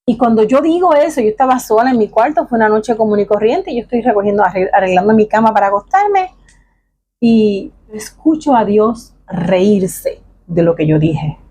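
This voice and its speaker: A middle-aged woman preaching a sermon, telling stories expressively and swinging between raised and hushed delivery. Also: mid-range voice, animated, moderate pace.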